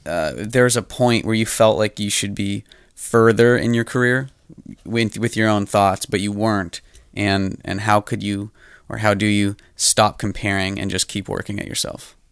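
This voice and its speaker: Low, smooth-voiced male host. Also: steady tone, normal speed, dry recording, clean studio sound. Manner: brief reactions and probing questions. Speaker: podcast host. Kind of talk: casual interview.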